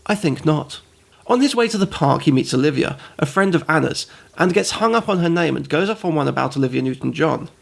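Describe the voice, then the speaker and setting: Male host, gravelly voice, slightly high, dry sarcastic review narration with tangents. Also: expressive, fairly quick. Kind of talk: comedic game review narration.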